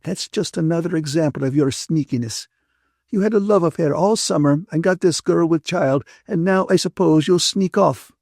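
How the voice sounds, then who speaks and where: A male narrator plays a bitter, indignant woman from a novel, scolding at a raised pitch in a gravelly, slightly mellow voice. He speaks at a moderate pace, emphatic and aggrieved, nearly in tears, and sounds indignant and scornful. The studio recording is dry.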